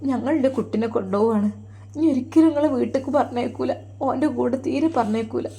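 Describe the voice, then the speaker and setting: A woman's voice: on the high side, quick pace, dark tone, husky. A woman voicing a caring, protective middle-aged mother who comforts and scolds, with a Malappuram Malayalam accent. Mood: firm. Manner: soothing, firm.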